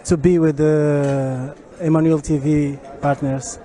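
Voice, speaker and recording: A man from Portugal with a Portuguese accent, a native Portuguese speaker, giving a halting testimony in English full of fillers as an interviewee. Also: on the high side, level tone, mellow. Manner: hesitant, many fillers. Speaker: interviewee, church partner. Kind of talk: halting testimony in a second language.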